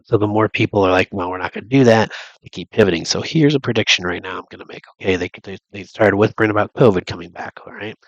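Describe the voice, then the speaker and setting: A man's voice: lowish voice, fast, hardly any pauses, no room sound, lo-fi sound. A man with a stuffy nose from a cold, rambling through a casual monologue and thinking aloud with lots of restarts and fillers. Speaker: vlogger.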